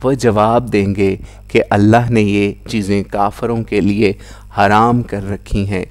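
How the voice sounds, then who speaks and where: A man reading a scripture translation aloud in a solemn, measured recitation, lifting his voice into raised declamation at the quoted cries. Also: on the low side, level tone, darkish tone. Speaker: Quran translation reader.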